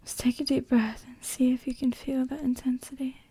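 A woman in an intimate, erotic whispered ASMR role-play for one adult listener, breathy and halting, speaking right in the ear. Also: sits high, level tone, mellow, dry recording. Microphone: very close microphone, dry.

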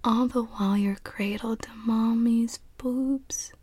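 A woman in a whispered role-play, playing a doting, teasing partner who soothes and coos to another adult in an intimate, breathy, husky voice. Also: a little high, steady tone, slow pace, darkish tone, no echo.

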